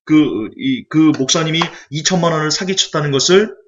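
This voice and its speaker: A male evangelist preaching a sermon, animated and full of rhetorical questions to the congregation. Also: a little high, normal speed. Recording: dull lo-fi recording.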